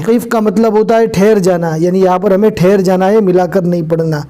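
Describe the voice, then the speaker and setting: A man teaching Quran reading, reciting verses in a slow drawn-out chant and then quickly explaining pronunciation, repeating words for practice. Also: sits high, mellow. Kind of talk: Quran recitation lesson with Hindi-Urdu explanations.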